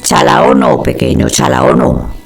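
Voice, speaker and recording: A man voicing a mocking, eerie spirit heard from inside a stove, in a deep gravelly whisper. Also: slow pace, over loud music, natural voice. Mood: taunting. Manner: taunting, eerie. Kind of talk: horror story narration.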